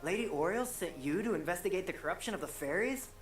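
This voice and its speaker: A woman's voice: fairly low pitch, animated, quick pace, faint music behind, close to an everyday voice. A woman voicing an earnest, knowing fantasy game informant with formal, dramatic delivery. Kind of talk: scripted video game dialogue. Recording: echoey, roomy game audio.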